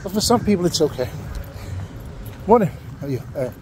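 A man's voice: a little high, animated, fairly quick, a little mellow. A middle-aged man, casually narrating a walking tour outdoors at a waterfront park and chatting with people he passes. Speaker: vlogger giving a walking tour. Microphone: handheld camera while walking. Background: faint wind and outdoor ambience.

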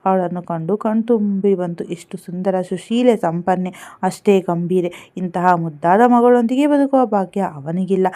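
A woman narrating an emotional novel in a steady, emotive storytelling manner. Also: lowish voice, unhurried.

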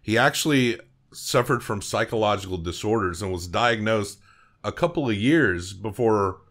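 Brief: relaxed podcast co-host, male, somewhat low pitch, informal movie talk at a desk mic. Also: moderate pace. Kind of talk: casual film discussion. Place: small home studio room. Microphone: desk microphone.

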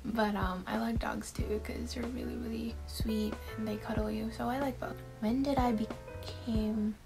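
A woman's voice: on the high side, steady tone, a little slow, creaky, over music, rough recording. A woman in her twenties from Taiwan, chatting casually to camera in a Q&A vlog from her bedroom, with frequent fillers and little laughs. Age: 20s. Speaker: vlogger.

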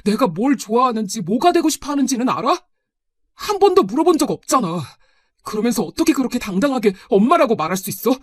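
A woman's voice: on the low side, animated, normal speed, no echo. Resentful teenage son, pointed and reproachful, read by a woman narrator. Dry, close sound. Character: nineteen-year-old son, resentful but gentle with grandmother. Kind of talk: storybook narration.

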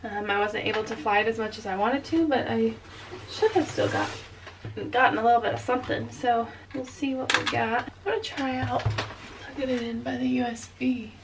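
A woman vlogger talks casually at home, her voice a touch high and her laughter never far away. A clear layer of background noise sits under her chatter. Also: fairly even intonation, fairly quick. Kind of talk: casual vlog chat. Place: indoors at home after a trip.

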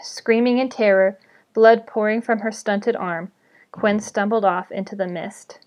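A woman reading a fantasy novel aloud for a live audience stream, with steady, dramatic storytelling. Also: mid-range voice, a little slow. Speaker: book reader on a livestream.

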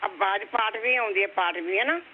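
A woman's voice: mid-range voice, a little fast, slight background noise. Older woman rambling on a tinny phone line. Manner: rambling, blessing the host, talks past his questions. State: persistent cough. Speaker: caller. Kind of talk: phone call to a talk show.

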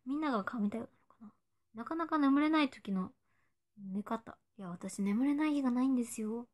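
A woman in her twenties, an idol livestreaming to fans, speaks with a fairly high pitch and a slightly fast pace. She chats casually and reads out fan comments playfully, now and then dropping to a whisper.

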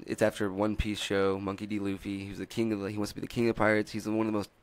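A young man with a hoarse voice, chatting casually and profanely on a comedy podcast. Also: fairly low pitch, monotone, rapid-fire. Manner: laid-back, profane, laughs often. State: hoarse from yelling. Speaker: podcast co-host.

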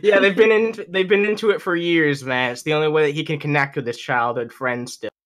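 A man hosting a podcast in casual, excitable chat, swearing freely. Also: a little high, fairly quick. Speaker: podcast host.

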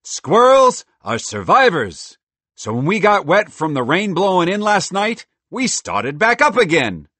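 A man voicing a chatty, bold little male squirrel in a storybook, talking loudly and excitedly. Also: high voice, measured pace, no room sound, pitched above the performer's own voice, heavily acted. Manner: loud, excitable and boastful. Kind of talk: storybook voice acting.

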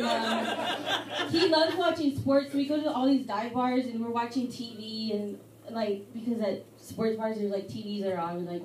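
A young woman from Mexico doing a live stand-up set in a pub, with a halting, rambling delivery full of fillers. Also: on the high side, distant mic, a little hiss or hum. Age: young adult. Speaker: stand-up comedian. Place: hotel pub comedy night. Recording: echoey live room miked from afar with loud crowd. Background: audience chatter and laughter.

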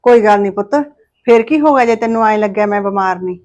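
A woman playing a kind, ailing older mother-in-law in a family short film, speaking softly and coaxingly. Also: mid-range voice, fast talker, highs cut off, natural voice.

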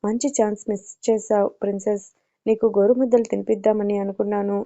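A woman's voice: medium pitch, level tone, quick pace, warm tone, natural voice. A woman voicing a playful, stubborn young husband who teases his wife. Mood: teasing. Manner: teasing, mocking tone. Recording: dull lo-fi recording.

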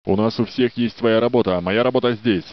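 In a Russian game dub, an actor voices a male security guard at a research facility who is polite, dutiful, courteous and a little flirtatious, with a friendly mood. His voice is on the low side, fairly quick and close to an everyday voice. The studio recording is dry and dull.

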